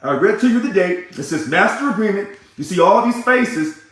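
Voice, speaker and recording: A man, an ousted union leader, delivering a combative, sarcastic ranting monologue that repeats itself and bursts into shouting. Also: high-pitched, expressive, moderate pace. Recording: very echoey room.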